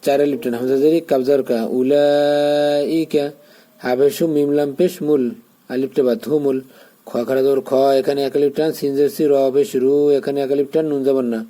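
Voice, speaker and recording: A man's voice: medium pitch, level tone, mellow. A man teaching Quran reading, spelling out the Arabic letter by letter and patiently explaining how to join the sounds. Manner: slow drawn-out chanting when joining words.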